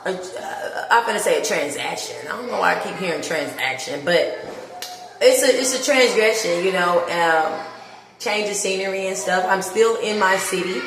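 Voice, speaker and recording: Walking through her empty new apartment on a livestream, a woman chats sincerely and laughs a lot. Her medium-pitched voice has lively intonation and a moderate pace. The background is noisy, and the vacant rooms echo with long reverb.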